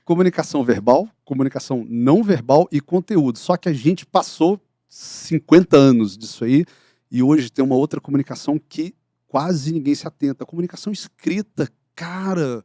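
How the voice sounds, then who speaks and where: A man who teaches public speaking, talking on a podcast with a slightly high voice. He speaks emphatically and often turns to the audience directly. The sound is dry and close to the mic. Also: animated, moderate pace, warm tone, no echo. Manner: emphatic, addresses listeners directly. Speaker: oratory teacher, podcast co-host. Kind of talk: casual podcast discussion.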